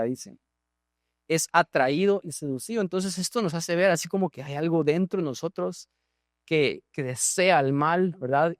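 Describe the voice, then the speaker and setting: A man's voice: fairly high pitch, no echo, clean studio sound. A male pastor with a Guatemalan Spanish accent preaching a sermon, asking the congregation questions and often repeating words. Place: church.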